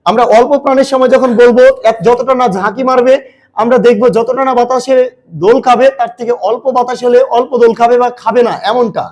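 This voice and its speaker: High-voiced man teaching a grammar lesson. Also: flat delivery, fast talker, a little mellow. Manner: asks the class questions and answers them himself.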